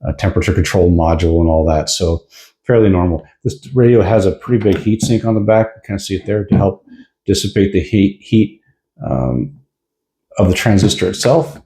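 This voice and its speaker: A product reviewer with a very low, relaxed voice talks through a piece of gear at a moderate pace. His delivery is casual and explanatory, like an informal hands-on demonstration.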